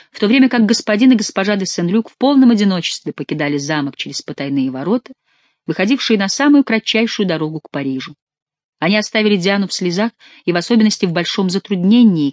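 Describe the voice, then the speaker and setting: Measured audiobook narrator. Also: mid-range voice, darkish tone, dry recording. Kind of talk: audiobook reading.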